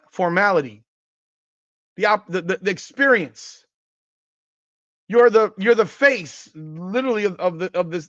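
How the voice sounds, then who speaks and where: A podcast host in his forties, with a slightly high and fairly bright voice, runs a casual sports talk livestream and reads chat comments. He rants with plenty of cursing, his pitch leaping upward when he gets worked up. The audio is dry, with no room sound, and a little dull and lo-fi.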